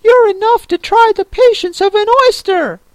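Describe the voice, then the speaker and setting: Squeaky, snappish young girl crab, a man putting it on, loud and cutting. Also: normal speed, no echo, poor audio.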